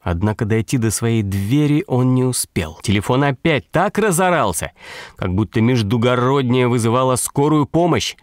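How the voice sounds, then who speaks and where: A man narrating a story as an audiobook, in a wry, ironic tone. His voice sits at a middling pitch. The sound is dry and close, with no room around it. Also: animated, normal speed, dry recording. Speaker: audiobook reader.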